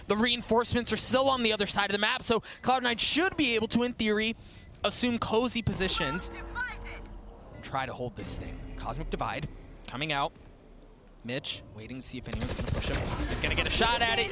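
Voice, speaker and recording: A man calling a live esports match as play-by-play commentator, excitable, building from tense quiet to shouts at big plays. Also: high-pitched, moderate pace, background noise.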